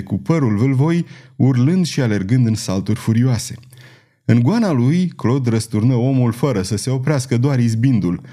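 Man narrating an audiobook, dark mellow voice, dramatic measured reading. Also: mid-range voice. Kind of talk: scripted narration.

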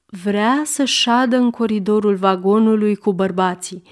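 A woman reading a story aloud with lively, expressive narration. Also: medium pitch. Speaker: reader.

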